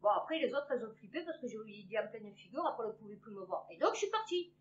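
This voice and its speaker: A woman's voice: a little high, big pitch swings, quick pace, a little hiss or hum. A woman in her fifties reads news headlines and comments on them in a rambling, sarcastic way, with many fillers. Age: 50s. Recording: dull lo-fi recording.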